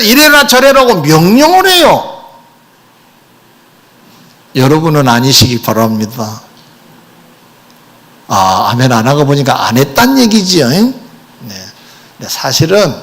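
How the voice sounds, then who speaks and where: A man preaching a sermon as pastor, animated and addressing the congregation with rhetorical questions. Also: mid-range voice.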